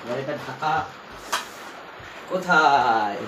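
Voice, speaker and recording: A man's voice: mid-range voice, expressive, slow pace, background noise. A man at home, chatting in a playful, teasing way as he helps his wife pack. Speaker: vlogger's husband. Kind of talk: casual home chat.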